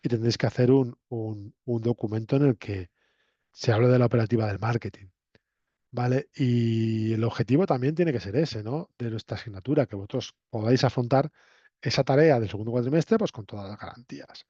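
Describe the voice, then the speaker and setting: A man's brisk, mellow, husky voice sits at medium pitch as he lectures students. He's a university lecturer from La Mancha in Spain with a Castilian accent, teaching in a conversational, didactic manner and frequently checking in with short tags. The audio is roomy, echoey, and dull.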